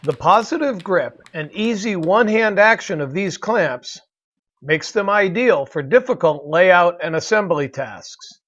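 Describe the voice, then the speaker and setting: A man narrates a tool advertisement in a high, smooth voice. His read is even and polished, like a sales script. The recording sounds a little dull and lo-fi. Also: a little slow. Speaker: product ad voice-over.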